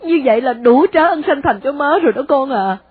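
A woman with a Southern Vietnamese accent voicing an anguished, devout older mother who implores her son, in a husky voice. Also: high-pitched, animated, brisk, no echo, narrow, tinny audio, voice pushed up. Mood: pleading. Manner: imploring, sighing exclamations.

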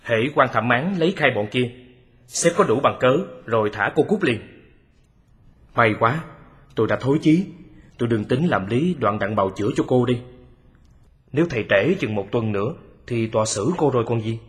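A man playing an excitable, grateful lawyer who questions the detective eagerly in a radio drama. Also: medium pitch, moderate pace, pauses often, close to an everyday voice. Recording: long hall reverb.

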